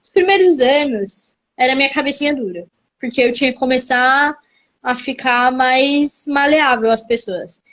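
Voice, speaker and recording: Young woman from Brazil, missionary guest, high voice, excitable, piles up repeated words. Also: normal speed. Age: young adult. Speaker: missionary and youth leader. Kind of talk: casual interview on a live stream.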